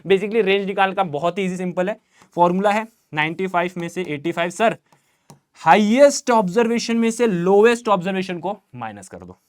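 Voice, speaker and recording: A young man with an Indian accent teaching an online maths revision lesson, chatty and energetic, asking questions and answering them himself. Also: high-pitched, moderate pace.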